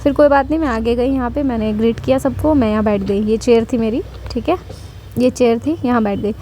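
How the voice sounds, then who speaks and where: A woman's voice: fairly high pitch, brisk, dark tone, slight background noise. A young woman casually recounting her job interview to her viewers, chatty and reassuring, mixing in English phrases. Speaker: vlogger sharing interview experience. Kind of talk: casual chat.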